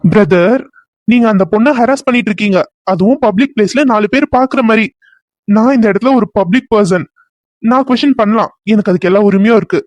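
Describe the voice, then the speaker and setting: A man voicing a calm young male stranger who steps in and reasons patiently, in a cartoon serial. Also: high voice, a little fast, no room sound, natural voice. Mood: firm.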